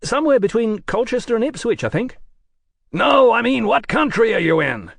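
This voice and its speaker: A flustered, sardonic young English writer, high-pitched and jumpy, swinging wildly in tone, as an audiobook narrator puts him on. The voice is close and dry. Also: male voice, moderate pace, gravelly, no echo, full character voice. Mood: incredulous. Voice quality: excitable, sardonic. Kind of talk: audiobook character voice.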